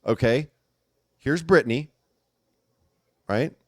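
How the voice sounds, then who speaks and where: A man hosting a casual gossip commentary chat, talking in an animated, teasing way with emphatic repetition. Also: mid-range voice, drawn-out words, dry recording, studio quality. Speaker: host.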